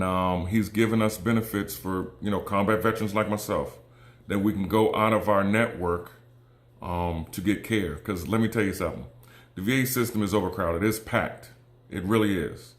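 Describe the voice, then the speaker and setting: A man with a somewhat low voice talks casually and earnestly to his viewers, halting often with ums and restarts. When he presses a point he turns emphatic and persuasive. The room around him has a noticeable echo. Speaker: vlogger and combat veteran. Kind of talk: casual direct-to-camera talk.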